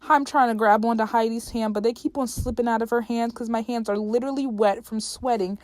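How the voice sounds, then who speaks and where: A woman's voice: a little high, steady tone, fairly quick, dry recording, studio quality. A young woman vlogger chatting casually, joking and exaggerating everything dramatically. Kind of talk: casual vlog chat. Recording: loud park music and crowd behind.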